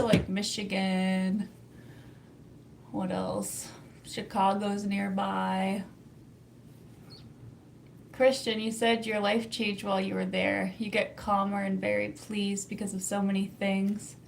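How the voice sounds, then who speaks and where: With slight background noise, a young Canadian livestream host answers chat messages in a gravelly, mid-range voice. She has a Canadian accent and is chatty, laughing frequently.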